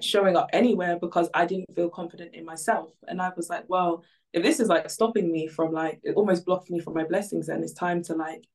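A woman's voice: fairly low pitch, darkish tone. A woman from Ghana, a guest on a podcast, chatting casually and upbeat with many fillers. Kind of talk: casual interview chat. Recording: distant from the mic.

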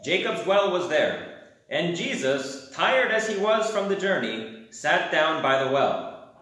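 Man, lecturing a class, bright voice, heavy room echo, questioning, wry. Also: on the high side, sing-song, slow pace. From America. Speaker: teacher. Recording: very echoey room.

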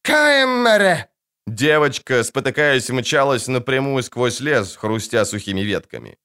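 A man narrating an audiobook with vivid, dramatic delivery. His voice sits at a middle pitch and moves through a wide, expressive melody. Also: measured pace, clear, resonant tone.

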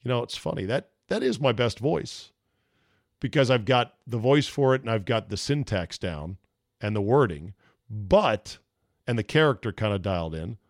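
A man's voice: lowish voice, animated, moderate pace, no echo, clean studio sound. A man in his fifties hosting a podcast, talking in a laid-back, freewheeling way and reading aloud. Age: 50s. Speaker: podcast and sports radio host. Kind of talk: freewheeling solo podcast talk, reading listener emails.

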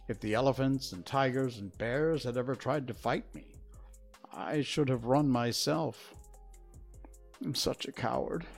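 A reader voicing a big, cowardly male lion in a storybook reading, speaking gently and mournfully with hesitant pauses. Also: medium pitch, gravelly, voice pushed up.

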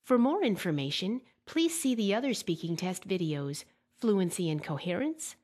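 Measured woman narrating an exam lesson. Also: mid-range voice, big pitch swings, a little mellow. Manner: measured, slows down to model example words. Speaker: exam preparation instructor. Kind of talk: scripted instructional narration.

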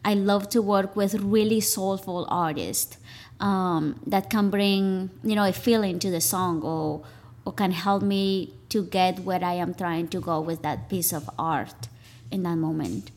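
A woman's voice: lowish voice, steady tone, a little slow, darkish tone. A woman from Colombia, a DJ and music producer, answering interview questions in an easygoing, casual way with many "you know" fillers.

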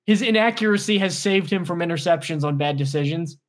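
A man's voice: sits high, a little fast. A man co-hosting a casual sports podcast with blunt, sarcastic humor. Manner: wry, blunt, sarcastic jokes. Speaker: podcast co-host.

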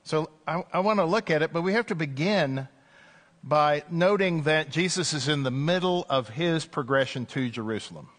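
A man preaching a sermon as an Anglican priest at a pulpit microphone in church, in a conversational way with gentle jokes and "uh" fillers. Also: fairly high pitch, normal speed.

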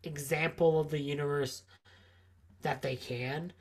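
A man's voice: fairly high pitch, fairly even intonation, measured pace. A tipsy man co-hosting a podcast, rambling through a story with constant filler words. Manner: rambling, lots of filler likes. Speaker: podcast co-host.

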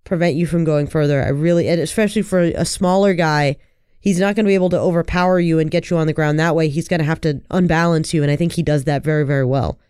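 A man's voice: on the high side, fairly even intonation, fast, darkish tone, smooth, no echo, studio quality. A man co-hosting a sports podcast with casual, earnest commentary, repeating phrases for emphasis while under the weather with a cold.

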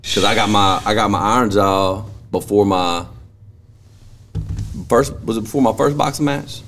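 A man's voice: fairly low pitch, normal speed, a bit bright, faint music behind. A man with a Southern US accent in casual, joking fight-gym banter on a podcast. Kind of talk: casual locker-room banter.

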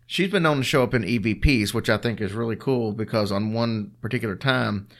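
With a lowish, slightly bright voice and a somewhat quick pace, a man co-hosts a podcast full of ghost stories. He keeps the conversation casual and ribs others in a dry way.

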